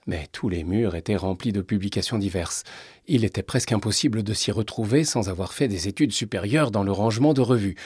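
Male narrator, storybook reading, measured, fairly low, husky tone. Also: a little mellow, dry recording, clean studio sound.

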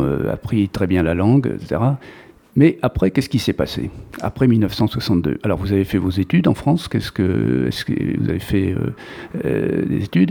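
A man's voice: low voice, creaky, warm tone. A man hosting a local radio interview show, introducing his guest formally and asking questions with some hesitation. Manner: formal presenter, with some fillers.

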